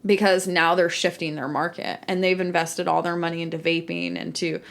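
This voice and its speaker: A woman's voice: lowish voice, flat delivery, a little fast, gravelly. A woman co-hosting a podcast, ranting heatedly in casual chat and swearing freely. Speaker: podcast co-host.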